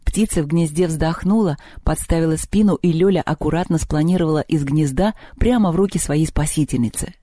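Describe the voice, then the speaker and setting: A man narrating a children's story as an audiobook with lively, expressive storytelling. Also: fairly high pitch, a little fast, hardly any pauses, dry recording, clean studio sound.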